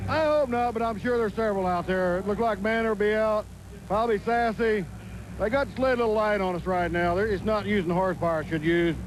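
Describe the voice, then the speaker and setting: A man's voice: high voice, fast. A man competing in tractor pulling, answering questions casually trackside. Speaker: tractor pull competitor being interviewed. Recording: noisy engine-filled arena.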